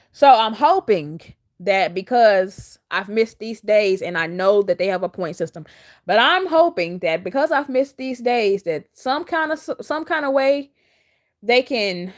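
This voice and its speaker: A woman talking straight to her viewers in a rambling, earnest and encouraging way, as a spiritual coach. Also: medium pitch. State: close to tears. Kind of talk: casual heartfelt monologue to camera.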